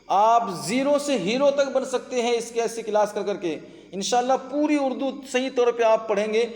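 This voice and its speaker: A man's voice: very high voice, a little mellow. A man teaching grammar online, drilling students with questions and answers. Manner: addresses students as companions. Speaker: Urdu teacher. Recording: echoey room with long reverb.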